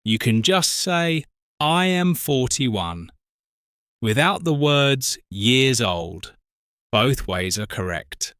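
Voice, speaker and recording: A British man in his forties co-hosting an English lesson podcast, speaking slowly and clearly for learners. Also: mid-range voice, big pitch swings, a bit bright, dry recording, studio quality. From Britain. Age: 40s. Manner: slow, careful, spells out words. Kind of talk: slow scripted teaching talk.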